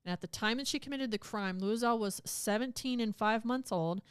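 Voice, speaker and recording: A woman's voice: a little high, brisk, clean tone, dry recording. A woman co-hosting a podcast, chatting casually and retelling a legal case in plain words. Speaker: podcast co-host. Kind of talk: casual chat.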